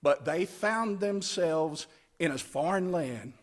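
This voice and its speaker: A man preaching a camp meeting sermon in an emphatic, dramatic way, swinging between hushed phrases and loud cries and repeating short phrases for emphasis. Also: on the high side, lively intonation, slow pace.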